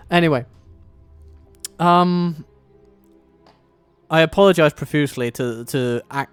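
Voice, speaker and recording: A casual, self-mocking man hosts his strategy game session, musing aloud about each move. His voice sits a little high for a man, over faint background music. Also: clear, resonant tone, dry recording. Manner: chatty, self-deprecating, thinks aloud. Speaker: host and strategy game player. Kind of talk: casual gameplay commentary.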